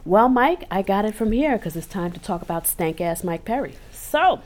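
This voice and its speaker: A woman with a medium-pitched, slightly mellow voice co-hosts a casual podcast, telling stories at a normal pace in an animated, chatty way. She punctuates her conversational storytelling with emphatic asides.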